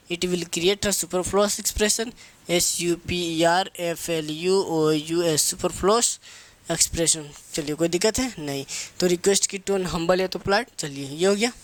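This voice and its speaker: Man drilling students with repeated questions. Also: high-pitched. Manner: asks a question and answers it himself, drilling terms; mixes English phrases into spoken Hindi. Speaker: English grammar teacher. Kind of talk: lecturing for competitive exam students.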